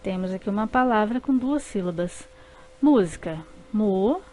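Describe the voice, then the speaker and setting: A woman's voice: mid-range voice, animated, normal speed, a little mellow. A Brazilian woman narrating a scripted lesson, spelling words out syllable by syllable. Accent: Brazilian Portuguese.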